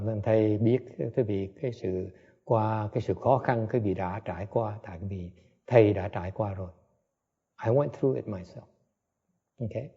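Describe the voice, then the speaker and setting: A man's voice: lowish voice, highs cut off. A man giving a dharma talk as a meditation teacher. He speaks bluntly, scolds his listeners and keeps checking in with them, translating himself as he goes. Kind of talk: dharma talk, self-interpreted.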